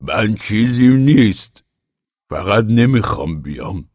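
A man voicing a stubborn, defiant old grandfather farmer who shouts and drags out his words. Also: on the low side, big pitch swings, dry recording, clean studio sound, pitched above the performer's own voice. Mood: weary. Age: older.

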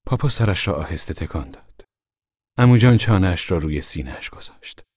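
A man narrating a novel in a calm, measured audiobook reading. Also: low-pitched, slightly rough, no room sound, studio quality.

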